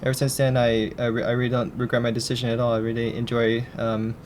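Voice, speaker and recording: A young man in his twenties from Hawaii, answering interview questions in a halting, hesitant way, often restarting his sentences. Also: mid-range voice, monotone, a little hiss or hum. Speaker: interview guest, film student.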